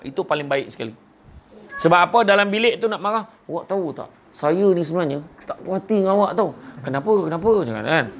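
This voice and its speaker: A male speaker with a Malaysian Malay accent delivers a light-hearted religious talk, joking and teasing his listeners. His voice sits a little high for a man and has a gravelly edge. Faint noise hums behind him. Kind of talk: humorous talk to a family gathering.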